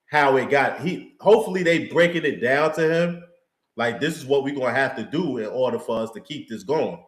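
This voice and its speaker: A man's voice: mid-range voice, animated, brisk. A man co-hosting a live sports talk show, chatting in a laid-back, slangy way as a fan. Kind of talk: casual live sports chat. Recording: roomy echo.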